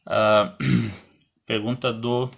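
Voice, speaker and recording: A Brazilian man teaching English in a live stream, explaining slowly, reading example sentences aloud, clearing his throat often and answering viewers' questions. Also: lowish voice, level tone, fairly bright tone. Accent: Brazilian Portuguese. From Santa Catarina, Brazil.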